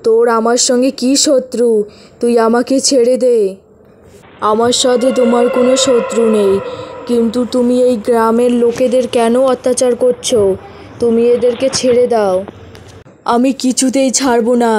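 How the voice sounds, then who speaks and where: Woman voicing a slow spiteful witch spirit. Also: level tone, a little mellow, slight background noise, close to an everyday voice. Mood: furious. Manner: slow, low, coaxing then commanding. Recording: background music.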